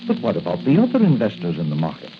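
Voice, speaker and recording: An actor playing a kindly, questioning doctor and advisor with a concerned, stammering manner in a 1940s radio drama. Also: male voice, low-pitched, wildly swooping pitch, fast, full character voice. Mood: concerned, puzzled. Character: kindly, inquisitive male doctor, apothecary friend and advisor. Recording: dull, hissy 1940s radio recording.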